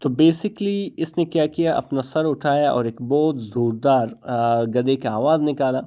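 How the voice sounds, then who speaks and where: A man's voice: medium pitch, dark tone. Man translating a story line by line. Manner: explains each English phrase, repeats himself, asks and answers his own questions. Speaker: English teacher.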